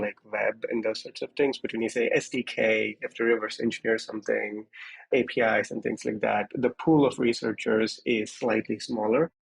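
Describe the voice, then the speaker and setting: A security executive, appearing as an interview guest, explains technical matters conversationally in structured, step-by-step points. His fairly low voice is creaky and husky, and the recording quality is poor.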